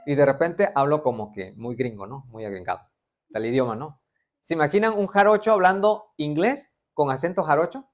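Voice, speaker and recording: A middle-aged man preaching with a Veracruz Mexican Spanish accent, his voice sitting somewhat higher than most men's. He keeps the congregation involved, firing questions at them and dropping playful jokes between points. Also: normal speed. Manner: interactive, quizzing the congregation with joking asides. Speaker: pastor. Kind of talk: sermon.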